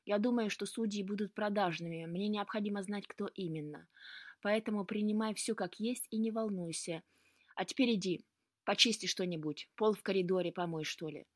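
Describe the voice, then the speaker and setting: A wise, calm woman healer from a storybook, offering advice in a steady, instructive way, voiced by a woman in a plain mid-pitched voice. The reading is close and dry. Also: normal speed, no room sound, natural voice. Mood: calm, advising.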